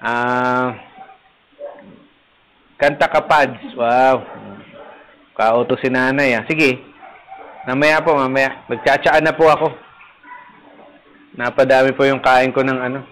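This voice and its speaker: A man's voice: mid-range voice, steady tone, takes it slowly, long pauses, a bit bright, poor audio. A man, a parish priest, chatting casually on a livestream, greeting viewers by name and joking playfully. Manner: playful, teasing, laughs at own jokes. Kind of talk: casual livestream chat reading viewer comments. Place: rooftop garden, third floor.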